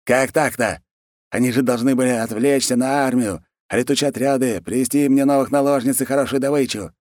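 A man's voice: medium pitch, steady tone, brisk, a little mellow, dry recording, clean studio sound, voice pushed up, natural voice. A man voicing a fat, lazy and cruel khan who talks in a peevish, bossy way.

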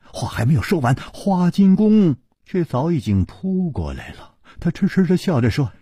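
一位男性说书人，生动地演播武侠小说。. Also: male voice, on the high side, normal speed, slightly rough, dry recording, clean studio sound. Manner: expressive, vivid, lively. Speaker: storyteller. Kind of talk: Chinese novel storytelling narration.

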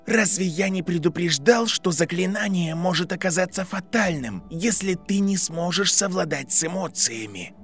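A cold, imperious false dark lord, as a male narrator puts him on speaks in a sharp, icy tone. The voice sits higher than the narrator's own and cuts with clipped command. Faint music lies beneath him. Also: expressive, normal speed, hardly any pauses.

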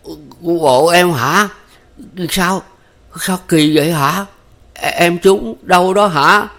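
A panicked country man in a spoken story stammers and cries out, close to tears, as the male narrator puts him on. His voice jumps well above the reader's own and comes out loud and strained. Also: high-pitched, slow pace, pitched above the performer's own voice, full character voice. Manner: stammering, shouting, near tears. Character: panicked rural man, frantic and desperate.

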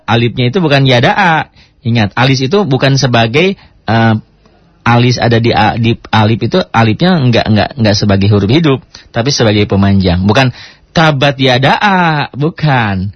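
Male recitation teacher, mid-pitched, repeats syllables patiently; dry, muffled radio-lesson sound. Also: expressive, no echo. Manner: drills syllables slowly and repeats them, then explains in quick asides. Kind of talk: tajwid lesson with demonstrated recitation. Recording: dry, dull lo-fi radio recording.

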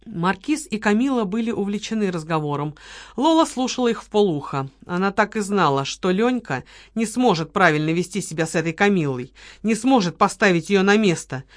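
A narrator reading a detective novel aloud in a steady, measured way. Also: medium pitch, dry recording, clean studio sound. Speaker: audiobook narrator.

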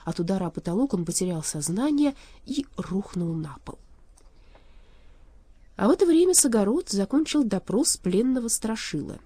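A woman reads a fairy tale aloud as an audiobook narrator, expressive and steady. Her voice is mellow and her pitch moves a lot. The sound is dry and close. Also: normal speed, slightly rough, no echo. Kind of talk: storybook narration.

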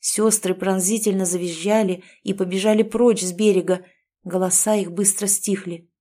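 A woman's voice: medium pitch, fairly even intonation, moderate pace, warm tone. Woman reading a first-person story. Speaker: audiobook narrator. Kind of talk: first-person audiobook narration.

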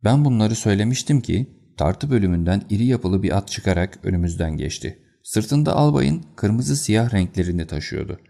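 Male audiobook narrator, low, gravelly, steady delivery. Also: normal speed, few pauses.

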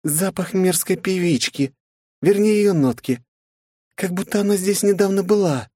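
An audiobook performer, a man, plays a haughty young princess who is possessive, furious and threatening, snapping, scolding and menacing. He voices her at normal speed in a high, darkish tone pitched above his own voice, recorded in studio quality with no echo.

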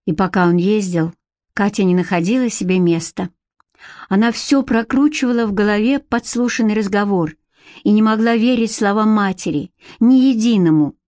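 Audiobook woman narrator, calm and expressive, mid-pitched, dry close sound. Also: normal speed, dry recording. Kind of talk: scripted narration.

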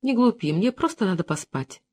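A reader doing a sharp-tongued seasick young wife. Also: mid-range voice, animated, brisk, natural voice. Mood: irritable.

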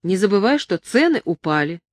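A woman's voice: medium pitch, big pitch swings, darkish tone, no room sound, studio quality, close to an everyday voice. A woman doing a whiny, muddled old mine owner. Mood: suspicious. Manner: slow, whining, muddled speech. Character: feeble, suspicious old male mine owner, whining.

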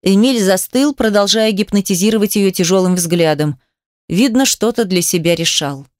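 A woman reading an audiobook, with measured and expressive scripted narration. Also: mid-range voice, no echo, studio quality.

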